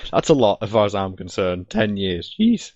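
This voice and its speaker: A man's voice: lowish voice, sing-song, normal speed, a little mellow. A man in his twenties hosting a podcast, asking questions hesitantly, restarting and laughing easily. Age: 20s. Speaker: host. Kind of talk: casual podcast interview. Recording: dry, dull lo-fi voice chat audio.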